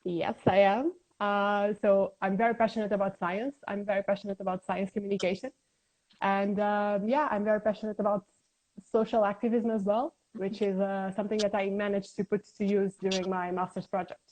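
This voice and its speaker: Young woman, interview guest on a video call, calm and measured, fills her pauses. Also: medium pitch, rough recording. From Portugal. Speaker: guest, science communicator.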